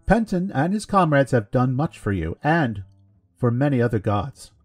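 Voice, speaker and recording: A man's voice: medium pitch, sing-song, moderate pace, dry recording, soft background music, pitched above the performer's own voice. A man voicing a defiant, commanding mother who speaks firmly and formally.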